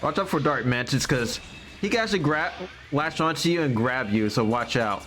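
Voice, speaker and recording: A man's voice: mid-range voice, animated, normal speed, a bit bright. A man giving casual live gameplay commentary as a streamer, explaining as he plays. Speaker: game streamer. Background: game music.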